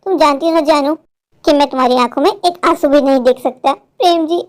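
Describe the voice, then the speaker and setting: Woman playing a young cartoon husband, torn, pleading, resentful, high for a man. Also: brisk, natural voice. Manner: pleading, then firm and resentful. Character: young husband torn between mother and wife. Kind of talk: animated Hindi cartoon voice acting.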